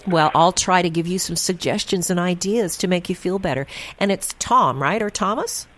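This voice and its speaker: A low-pitched woman hosts a call-in advice show on the radio. She talks in a chatty, reassuring way with plenty of fillers. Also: moderate pace, a bit bright, slight background noise.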